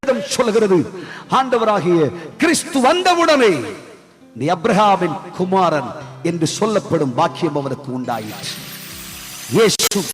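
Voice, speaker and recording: A male preacher delivering a fervent sermon at an open-air festival ground, driving his points home with repeated rhetorical questions and dramatic build-ups. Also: high voice. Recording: long reverb with faint music.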